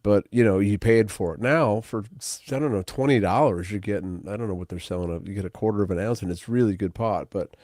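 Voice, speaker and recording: A man's voice: fairly low pitch, fairly quick, few pauses, darkish tone, dry recording, studio quality. Rambling joking older American man. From United States. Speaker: podcast co-host. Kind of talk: casual chat.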